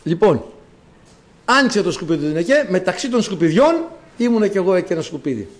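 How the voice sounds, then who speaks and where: A man preaching a sermon in a church, swinging between quiet explanation and loud cries of praise, and reading scripture aloud in a slow formal cadence. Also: sits high, big pitch swings.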